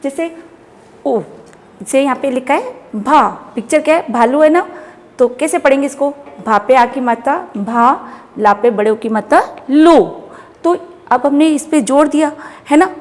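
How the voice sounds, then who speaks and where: A woman's voice: high-pitched, darkish tone, in a large hall. A woman teacher with an Indian accent giving a phonics lesson to young children, drawing out syllables for them to repeat. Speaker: primary school teacher.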